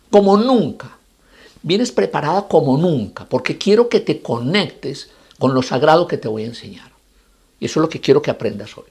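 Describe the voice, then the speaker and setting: A man's voice: on the high side, creaky, darkish tone, husky. A man giving a motivational talk as a psychologist, telling stories with emphatic repetition and rhetorical questions. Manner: emphatic, repeats phrases for effect, asks rhetorical questions.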